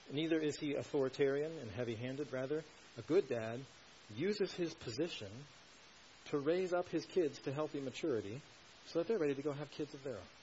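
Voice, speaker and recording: A man's voice: medium pitch, darkish tone, muffled recording, a little hiss or hum. Man preaching an earnest sermon. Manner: earnest, rising to emphatic questions. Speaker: pastor.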